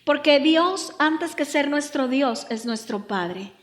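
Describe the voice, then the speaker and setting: High-voiced woman pastor preaching. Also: slow pace, roomy sound. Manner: lively, humorous, acts out quotes. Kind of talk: sermon.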